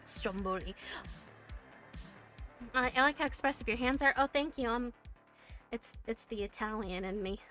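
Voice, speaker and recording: Over soft background music, a woman from the United States streams and chats casually with viewers while reading their messages, full of fillers, restarts, and little giggles. Her voice is a little high and fairly bright, at a moderate pace with long pauses.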